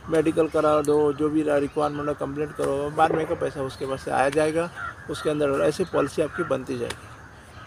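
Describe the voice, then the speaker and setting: An Indian man with a gravelly, slightly high voice coaches insurance agents in a direct, repetitive way. He keeps calling them friends as he pushes his point. Faint outdoor noise sits behind him. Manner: direct, repeats phrases, often says "dosto". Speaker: insurance sales trainer. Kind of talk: motivational sales talk to agents.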